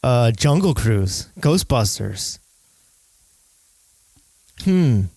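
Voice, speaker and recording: A man's voice: medium pitch, sing-song, extremely slow, creaky, dark tone, no room sound. A man with a nasal voice, hosting a podcast in casual, chatty talk. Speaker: podcast host.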